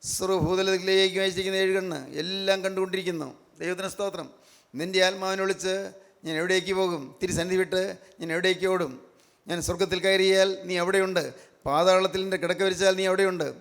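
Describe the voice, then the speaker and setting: With a Malayali accent, a man preaches rapidly in a high, slightly bright voice that barely shifts in pitch, trailed by long reverb. Emphatic repetition marks his sermon, along with frequent outbursts of praise.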